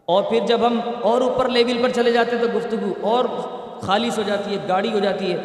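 A man's voice: sits high, steady tone. A man giving a sermon, teaching by story and rhetorical questions. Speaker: preacher. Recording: echoey hall, voice from far off.

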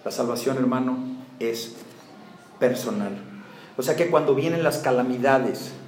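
A man with a Mexican accent delivers a sermon, peppering the congregation with rhetorical questions and jokes. His voice is medium-pitched, unhurried and slightly mellow, heard in a roomy hall with faint background noise.

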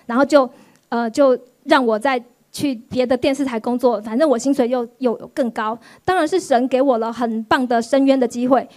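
A woman pastor, giving a sermon testimony in an animated storytelling way. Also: high-pitched, moderate pace. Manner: animated storytelling, acts out quoted voices.

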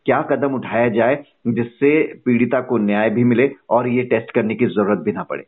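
A man hosting a news interview, asking formal, measured questions. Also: medium pitch. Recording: husky, phone-like line.

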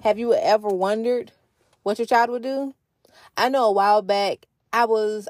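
A woman's voice: medium pitch, darkish tone, dry recording, studio quality. A woman in her thirties telling a family story on her podcast in a chatty, conversational way, turning to ask listeners questions. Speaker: podcast host, mother. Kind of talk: casual storytelling monologue.

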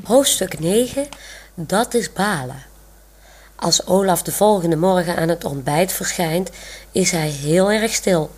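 A woman's voice: fairly low pitch, expressive, takes it slowly. A woman reading a children's book chapter aloud on a radio show. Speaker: radio reader.

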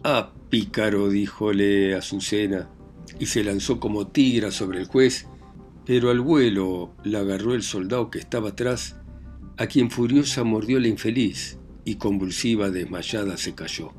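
Man reading a story poem out loud, steady, deepish voice, quiet music behind. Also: unhurried. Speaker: reader. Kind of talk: reading a narrative poem aloud.

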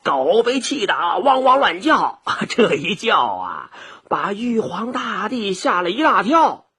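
A man narrating a children's story in a playful, expressive way. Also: high voice, measured pace, breathy edge.

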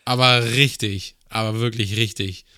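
A man's voice: lowish voice, fairly even intonation, unhurried, pushed and bright, clean tone, dry recording, clean studio sound. A man telling a long work story in casual podcast chat, with crude slang and acted-out dialogue. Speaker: podcast co-host.

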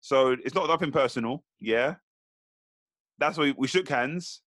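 A man co-hosting a podcast, telling stories in a lively, slangy way. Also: mid-range voice, unhurried, no echo. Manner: animated storytelling, slangy. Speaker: podcast co-host. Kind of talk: casual podcast chat.

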